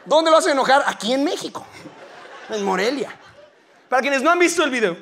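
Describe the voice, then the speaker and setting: Mexican male stand-up comic, bright, piercing voice, animated slangy delivery on a live stage. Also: very high-pitched, brisk, a faint crowd, a little hiss or hum. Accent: Mexican Spanish. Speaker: stand-up comedian. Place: auditorium stage, live show.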